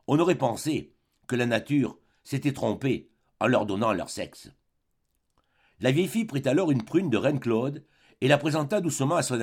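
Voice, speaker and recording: A man reading a classic novel aloud as an audiobook, in a measured, expressive way. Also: medium pitch. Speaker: audiobook reader.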